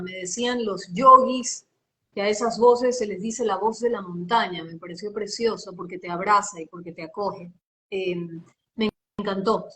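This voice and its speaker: A woman from Ecuador with a Guayaquil accent, a voice and diction coach explaining in an animated, teacherly way during a live interview. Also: medium pitch. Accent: Guayaquil Spanish. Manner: animated, expressive, teacherly, asks rhetorical questions.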